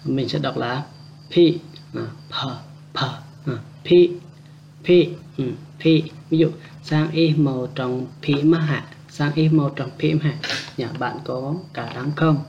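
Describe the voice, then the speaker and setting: A man teaches a casual language lesson in a mid-pitched, gravelly voice. He says each example word slowly several times and adds light, joking asides. The recording is dull and lo-fi, with faint room noise behind him. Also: a little mellow.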